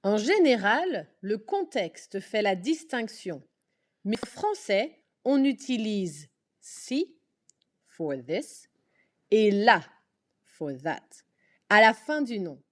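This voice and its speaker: A woman teaching a French lesson, speaking carefully and deliberately and repeating example words. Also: mid-range voice, sing-song. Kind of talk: slow, clearly enunciated language lesson.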